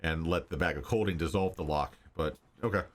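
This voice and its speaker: A man's voice: low voice, a little fast. A man narrating a tabletop game casually as game master.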